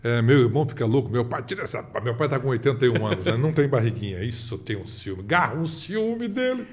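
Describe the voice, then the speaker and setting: Animated Brazilian veteran radio announcer. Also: male voice, medium pitch, fast talker. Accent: Brazilian Portuguese. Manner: animated, acts out quoted voices. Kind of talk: storytelling in a casual interview.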